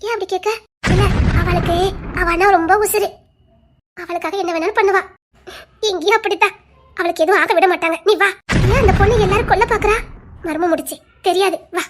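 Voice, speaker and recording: A woman's voice: very high-pitched, steady tone, fairly quick, noisy background. A woman performing every role in a family audio drama, moving between frightened, pleading and stern characters, with breaks of laughing and crying. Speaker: storyteller voicing every character.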